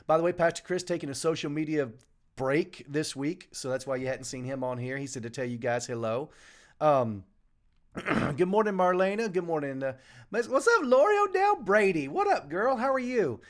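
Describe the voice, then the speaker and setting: A man hosting a casual live morning stream from a small home studio, jokey and animated as he greets viewers by name. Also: on the high side, moderate pace. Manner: animated, jokey, shouting out names.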